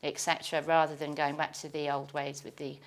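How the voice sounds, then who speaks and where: Deep-voiced woman giving advice. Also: level tone, fairly quick. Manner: confident, practical, matter-of-fact. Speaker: property panel expert on France. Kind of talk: panel discussion giving advice.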